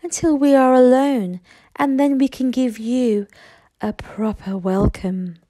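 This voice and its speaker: A woman's voice: sits high, warm tone, dry recording, pitched above the performer's own voice. Lady as a sly storybook dragon, purry and menacing, really drags the words out. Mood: purring menace. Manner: purring, drawn-out menace. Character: menacing cat-like hunting dragon, sly and whining.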